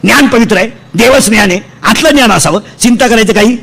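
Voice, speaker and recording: Loud, high-voiced comic preacher. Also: male voice, vocal fry. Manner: loud, declaiming, quizzing the crowd for quick answers. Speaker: kirtan preacher. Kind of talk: comic devotional sermon. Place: festival pandal stage. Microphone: stage microphone.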